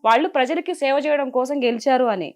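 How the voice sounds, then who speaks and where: A woman's voice: high voice, darkish tone. A woman from Nellore with a Nellore Telugu accent, speaking outspokenly and emphatically as an interview guest. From Nellore, Andhra Pradesh. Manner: outspoken, emphatic, fast-talking. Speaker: interviewee, political social media commentator. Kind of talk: casual interview chat.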